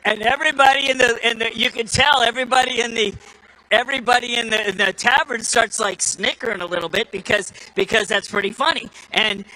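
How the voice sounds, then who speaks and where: Man giving a folksy speech, high bright voice, repeats himself a lot. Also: fairly even intonation, fairly quick, rough recording. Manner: folksy, repetitive, emphatic. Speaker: speaker at an election event. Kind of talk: speech with storytelling.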